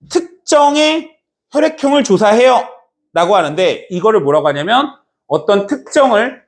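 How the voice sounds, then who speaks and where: A man teaching a math class, lively and chatty, acting out little scenes and often asking if students follow. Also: high voice. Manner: lively, acts out little scenes and keeps checking understanding. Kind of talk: classroom lecture.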